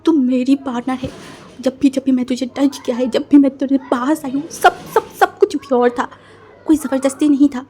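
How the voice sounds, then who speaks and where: A woman voicing a domineering young husband who speaks slowly and menacingly in a storybook retelling. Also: fairly even intonation, mellow, slight background noise, natural voice. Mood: possessive, menacing. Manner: low, slow, menacing, bossy.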